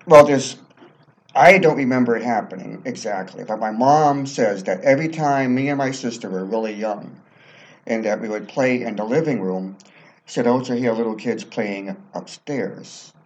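Guy telling stories on a podcast, casual, average pitch, kinda muffled lo-fi basement sound. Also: normal speed. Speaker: interview guest. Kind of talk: casual anecdotal storytelling. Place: library basement. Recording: dull lo-fi basement recording.

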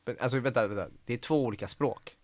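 A young man, an actor guest, telling stories in a casual interview, animated and swearing casually. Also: mid-range voice, slight background noise. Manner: animated, acts out quoted dialogue, swears casually.

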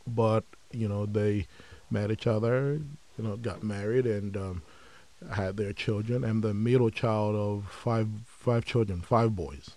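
A man from Nigeria, a podcast guest, telling his story in a measured, reflective way with frequent pauses. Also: on the low side, fairly even intonation, warm tone. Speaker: podcast guest, company founder. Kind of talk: conversational interview.

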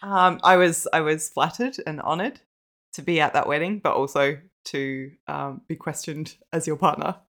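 A young woman co-hosting a casual chat podcast, playful and quick to laugh. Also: sits low, fairly bright tone. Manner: playful, laughs often, breaks into jokes. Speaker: podcast co-host.

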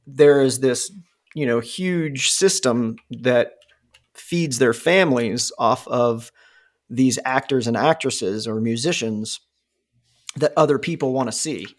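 Slow and mid-range, this man's voice belongs to someone in his forties having a casual conversation. He rambles, restarts, leans on fillers, and swears freely.

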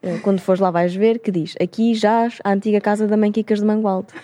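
A woman's voice: medium pitch, brisk. A young adult woman with a European Portuguese accent, co-hosting a casual podcast chat and telling stories with acted-out dialogue. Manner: animated storyteller, acts out dialogue. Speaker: podcast co-host.

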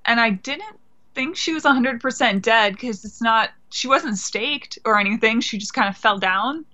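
Female podcast co-host, bright, higher voice, irreverent and giggly, slightly dull lo-fi audio. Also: moderate pace. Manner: laughing, loose and irreverent. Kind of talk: casual movie discussion.

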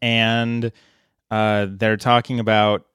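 Smooth-voiced man recapping casually. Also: fairly low pitch, little pitch movement, slow, a bit bright, dry recording, clean studio sound. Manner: chatty and matter-of-fact, with fillers. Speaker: podcast co-host recapping a cartoon episode. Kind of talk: casual chat.

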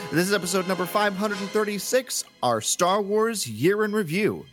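A man's voice: sits high, normal speed, fairly bright tone, faint music behind. A man hosting a fan podcast in a casual style. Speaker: podcast host.

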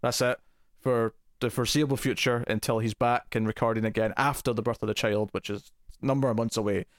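A man's voice: mid-range voice, steady tone, brisk, no echo. Man, podcast host, casual chat, filler-heavy, dry close mic. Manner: chatty, many fillers and restarts.

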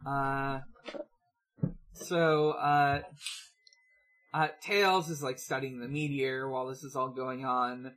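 Podcast cohost, bright voice, slow halting recap with lots of uh. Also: mid-range voice, little pitch movement. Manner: halting, many "uh" restarts. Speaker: podcast co-host. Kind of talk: casual chat, recapping episodes.

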